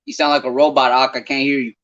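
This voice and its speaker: A man gives brief, relaxed replies over an online call. His voice is mid-pitched, close and dry, with dull, lo-fi sound. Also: fast, no room sound. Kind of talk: casual chat before a class.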